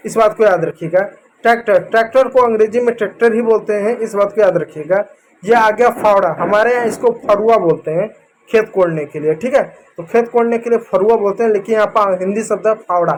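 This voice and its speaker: A man with a fairly high voice teaches English words in an informal classroom manner. He says each word again and again and keeps checking in with his listeners. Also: a little hiss or hum. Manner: repeats words, keeps saying "theek hai" and "dekho doston". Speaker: English teacher on a kids' channel. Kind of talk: informal Hindi vocabulary lesson.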